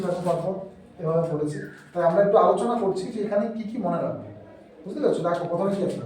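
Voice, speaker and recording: A man's voice: high voice, dark tone, a little hiss or hum. A man teaching an exam-prep lesson step by step, often asking his students questions. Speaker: English teacher. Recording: echoey room, mic far off.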